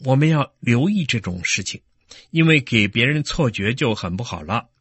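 A man delivers a sermon in an earnest, teaching tone. His voice is husky, and the recording is close and dry. He slows down deliberately when he reads scripture. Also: mid-range voice, lively intonation, fairly bright tone, no room sound. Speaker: preacher.

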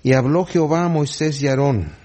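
A male pastor preaching a sermon. His voice is husky and pitched fairly high. He speaks expressively and peppers his points with rhetorical asides. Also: brisk, darkish tone.

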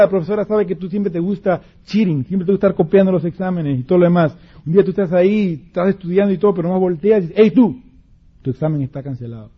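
A fairly high-voiced man preaching a sermon, his tone husky and slightly breathy. He slows down to read scripture aloud, and the recording sounds muffled and lo-fi.

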